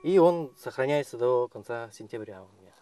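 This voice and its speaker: A man from Russia explaining his village home in a halting, casual way, with many fillers and repeated phrases, outdoors in the snow. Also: medium pitch, animated, dark tone, clean tone, faint music behind. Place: outdoors in a snowy village and in a cellar.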